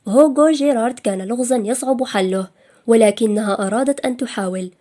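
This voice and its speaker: A woman reads a romance novel as an audiobook narrator. Her voice sits a little high, and her delivery stays steady and measured. The reading flows evenly from one line to the next. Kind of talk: scripted narration.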